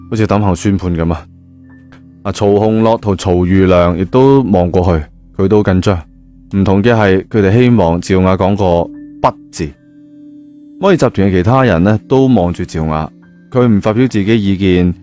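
With a warm voice that sits low, a man tells a novel in a Cantonese accent. His narration is relaxed and conversational, dotted with spoken particles, and background music plays throughout.

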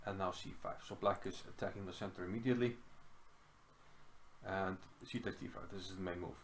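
Sitting low and holding a steady tone, this man speaks briskly over slight background noise. He's a middle-aged chess commentator from Iceland, casually working through a game in a small room at home and thinking aloud with many fillers.

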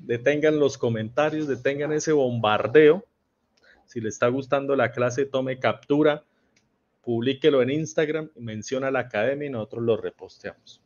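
A man's voice: medium pitch, lo-fi sound. A man with a Colombian accent teaching a live online dog grooming class, quizzing viewers and reading out their answers. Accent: Colombian Spanish.

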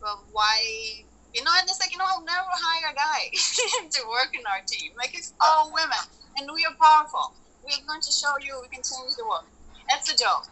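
A woman in her thirties from Brazil, presenting her company on a video call in a loose, halting way with many fillers. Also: high voice, animated, sharp tone, rough recording. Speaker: company founder presenting to members. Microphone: laptop mic on a video call.

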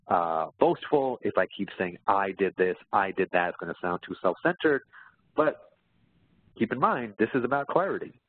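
This man's voice sits on the low side and carries a breathy edge. Presenting as a career coach, he responds to webinar questions in an explanatory manner, pausing often to check in, and the recording is a muffled phone-like line in an echoey space.

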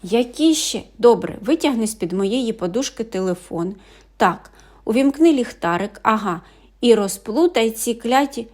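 A woman's voice: on the high side, expressive, a little slow, a little mellow. A woman voicing an impatient, grumbling older boy in a storybook audiobook. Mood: grumpy. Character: grumpy older boy, big brother. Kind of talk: audiobook fairy tale reading.

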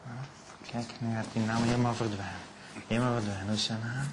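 A man working as a stage hypnotist, repeating slow, soothing suggestions and often dropping his voice to a hush. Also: medium pitch, steady tone, noisy background. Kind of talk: hypnosis show patter.

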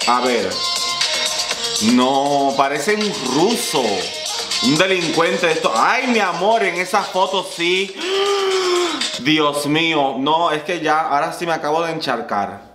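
A man giving playful, bawdy reaction commentary as a drag queen, laughing often and swinging between high squeals and low purrs. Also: lively intonation, measured pace, roomy sound, over loud music.

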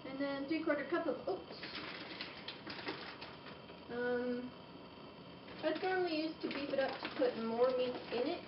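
A young adult woman talks through a relaxed cooking demo in her own kitchen, chatting and tossing in playful asides while she works. Her voice sits high, with a measured pace and frequent pauses. A camera across the room captures it, giving roomy, distant, dull home-video sound with background hiss.

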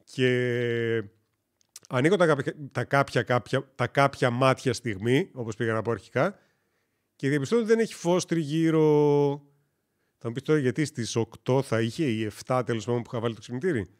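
On a gaming stream, a Greek man in a mid-range voice keeps up easygoing chatter, telling stories, joking, wandering off topic and fixing his own mistakes.

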